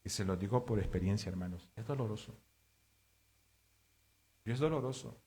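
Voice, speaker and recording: A man preaching a sermon, moving between loud emphatic passages and hushed confessional storytelling. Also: on the low side, normal speed. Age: adult father of three.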